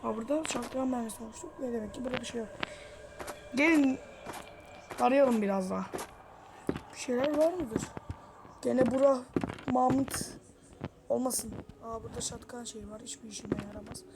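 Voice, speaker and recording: A young woman giving foul-mouthed, yelling commentary while playing a horror game. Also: on the high side, normal speed, long pauses, background noise. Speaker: gameplay streamer.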